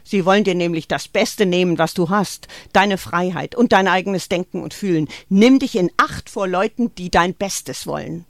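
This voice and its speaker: A woman's voice: on the low side, normal speed, hardly any pauses, no room sound, lightly acted. A woman voicing a fierce, volatile mother who warns and rages at those around her. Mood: insistent warning. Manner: shouting and urgent, sometimes conspiratorial.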